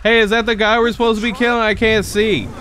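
A man giving casual gameplay commentary as a streamer, with excitable, joking, swearing reactions. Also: sits high, fast. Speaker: gaming streamer.

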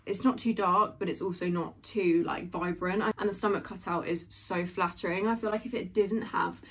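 A woman's voice: lowish voice, fairly even intonation, moderate pace, breathy edge. A young woman in her twenties chatting through a clothing haul in her bedroom, gushing and full of likes and ums. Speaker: fashion haul vlogger. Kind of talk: casual try-on haul chat. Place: small bedroom, indoors.

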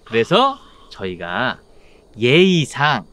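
Polite developer with animated pitch. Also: male voice, very slow, full character voice. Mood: polite, ingratiating. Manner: polite, hesitant, salesman-like. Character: smooth-talking, deferential resort developer in a suit. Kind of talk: web drama acting. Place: outdoors in the countryside.

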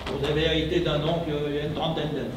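An actor plays a crooked, bossy businessman who drills his partner in brisk, sardonic instructions in a fairly high voice. He is heard from a distance in a very echoey theatre hall with long reverb and a faint background hiss. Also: level tone, lightly acted. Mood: briefing. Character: scheming, unscrupulous middle-aged businessman, bossy and sardonic. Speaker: stage actor. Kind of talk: amateur stage comedy. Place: theatre stage. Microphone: distant room mic.

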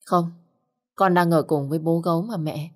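A woman's voice: on the low side, normal speed, natural voice. A woman reader voicing an anxious, caring younger sister who pleads urgently. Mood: pleading.

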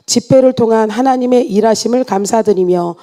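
A woman giving an earnest church testimony, read aloud in a steady way with small restarts. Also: fairly high pitch, a little fast.

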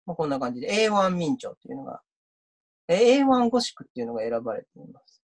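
Guy teaching a class over a video call, voice jumps up and down a lot, kinda husky, chats with the comments. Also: on the high side, racing. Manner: lively, chatty, reads out viewer comments. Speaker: university lecturer. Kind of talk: online mock lecture.

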